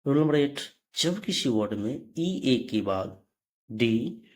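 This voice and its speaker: Taking things slowly, a man with a mid-range, animated voice walks through English pronunciation in a slow explanatory lesson. He spells out words letter by letter, then says them aloud, catching and correcting himself from time to time.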